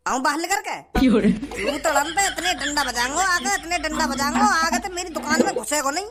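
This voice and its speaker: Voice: high-pitched, brisk, close to an everyday voice. Someone doing a stingy scornful shopkeeper. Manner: scornful, scolding. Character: stingy rude male shopkeeper.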